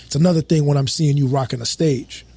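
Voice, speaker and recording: A man's voice: on the high side, fast, husky. A middle-aged man from Jamaica, talking casually as a guest on a podcast, telling stories with lots of fillers and restarts. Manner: relaxed storytelling, many fillers and restarts. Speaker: guest, music executive.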